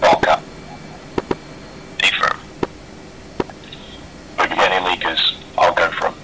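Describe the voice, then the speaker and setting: A man's voice: low voice, little pitch movement, slow, very noisy. A man acting as air controller, giving terse, clipped procedural calls over a radio channel. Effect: heard over a radio channel.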